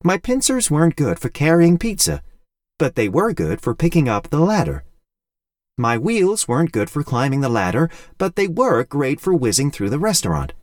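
A man voicing a small, cheerful male robot who talks in a gentle, thoughtful way, a little higher than his own voice. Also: big pitch swings, moderate pace, no echo, clean studio sound. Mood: earnest.

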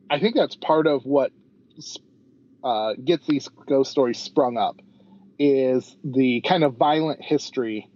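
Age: adult. Sex: man. Role: podcast co-host. Style: casual, rambling chat. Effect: low quality backup audio stream. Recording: dull and lo-fi. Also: warm tone. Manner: chatty and rambling, with many fillers.

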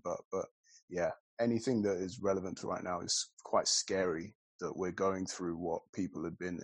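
A young man with a very low, slightly husky voice chats on a podcast panel. He keeps it light and jokey, padding his points with ums. The sound is dry and close. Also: dry recording. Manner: jokey, chatty, many filler ums. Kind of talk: casual podcast chat.

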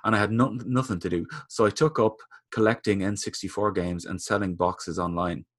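Low-voiced man, opinionated podcast chat. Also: steady tone, fairly quick, no room sound, clean studio sound. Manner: opinionated, rambling, lots of fillers. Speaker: podcast co-host. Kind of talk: casual chat.

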